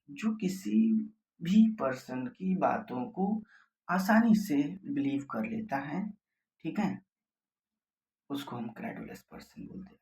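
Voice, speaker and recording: Man slowly teaching vocabulary, roomy echo. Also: mid-range voice, gravelly, darkish tone. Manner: explains in Hindi, reads English definitions slowly and deliberately. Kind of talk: vocabulary lesson for exam prep. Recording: roomy echo, faint background noise.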